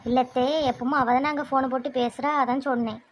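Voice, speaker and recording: A woman's voice: high-pitched, level tone, quick pace. A woman playing young female relatives in a family skit, talking earnestly and pleadingly.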